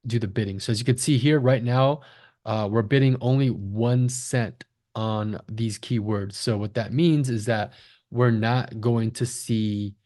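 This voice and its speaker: Speaking a little slowly in a mid-range, darkish voice with fairly even intonation, this agency founder and online marketing instructor leads a step-by-step screen-share lesson. His manner is conversational, peppered with quick check-ins such as "right?" and "okay?".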